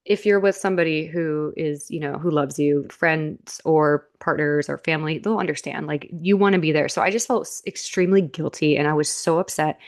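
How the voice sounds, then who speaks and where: A young adult woman guest on an interview, telling stories in an animated way and acting out what she and others said. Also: deep voice, a little fast, hardly any pauses. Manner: animated storytelling, quoting herself and others. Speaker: podcast guest. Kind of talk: casual interview chat.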